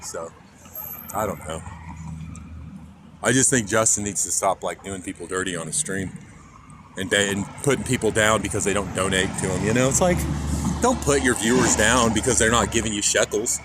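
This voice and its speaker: This IRL streamer from Kansas, USA has a fairly low voice and a moderate pace, pausing often as he casually rambles, cracks jokes, and reads viewer chat out loud. The phone captures clear traffic noise around him outdoors.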